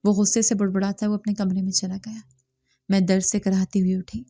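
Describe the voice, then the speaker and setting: A woman's voice: medium pitch, little pitch movement, mellow, no room sound. A woman narrating a scripted first-person story in an earnest, dramatic way.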